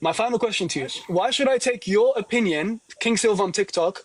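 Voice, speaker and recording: A high-voiced man argues rapidly in a live debate, with a very dry, close sound. He is combative and insistent, repeating phrases until he gets the floor. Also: no room sound. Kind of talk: heated live religious debate.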